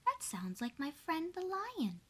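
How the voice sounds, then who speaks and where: A woman voicing a tiny, polite female mouse in a high, pleading whisper for a whispered role-play bedtime story. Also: wildly swooping pitch, unhurried, bright, forceful tone, exaggerated voice. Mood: timid.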